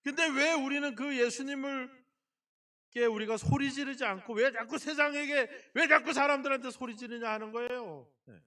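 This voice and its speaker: A male senior pastor delivering a lively sermon in a church. He acts out quotes and keeps asking the congregation questions. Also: extremely high pitch, moderate pace, distant mic. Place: church sanctuary.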